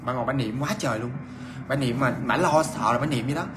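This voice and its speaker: A man's voice: medium pitch, fast, music in the background. A man telling a ghost story in a casual, chatty way, repeating himself with many fillers and restarts.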